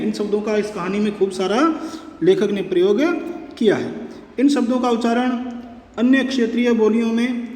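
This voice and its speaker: A male teacher giving a Hindi grammar lesson, slowly repeating and dictating example sentences. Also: sits high, darkish tone. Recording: echoey room with long reverb.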